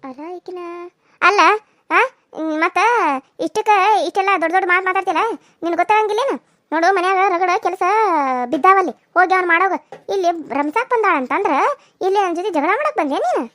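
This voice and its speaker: A woman voicing a sharp-tongued older village mother-in-law in a cartoon serial, scolding loudly and rapidly. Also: very high voice, dry recording, clean studio sound. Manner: loud, scolding, rapid-fire nagging.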